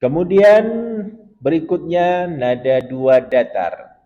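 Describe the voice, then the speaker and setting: A man's voice: medium pitch, animated, takes it slowly. A man teaching Quran recitation in a mosque, patiently modelling chanted verses and correcting students one by one. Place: mosque hall. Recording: dull lo-fi mosque recording with long hall reverb.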